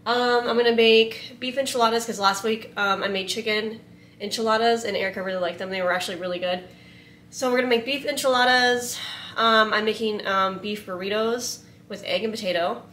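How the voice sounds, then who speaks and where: A woman who vlogs and takes photos talks to camera as she cooks at home, her speech rambling and full of "like" and "um" fillers. She sounds a little high, a little fast, and a bit bright, with slight noise behind her.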